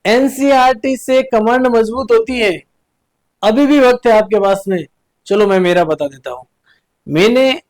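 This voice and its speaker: A man's voice: sits high, darkish tone. A young man from India, giving an earnest exam coaching lecture as a teacher, repeating points and asking rhetorical questions.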